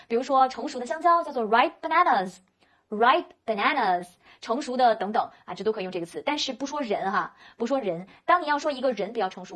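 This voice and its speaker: A woman's voice: fairly high pitch, fairly bright tone. Woman teaching English vocabulary. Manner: slow, drawn-out model pronunciations of English words; rhetorical questions to the learner, then answers them. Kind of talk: vocabulary lesson explaining words and pronunciation.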